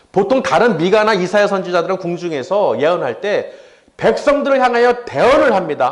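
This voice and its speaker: A male pastor preaching a sermon, acting out a prophet's complaints to God and calling out to the congregation for responses. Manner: animated, acts out prophet's complaints to God with rising pitch.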